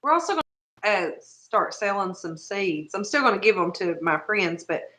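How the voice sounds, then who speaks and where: A woman's voice: mid-range voice, animated, normal speed, pushed and bright. A woman guest chatting casually, searching for words and laughing often. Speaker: guest, small business owner. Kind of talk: casual chat.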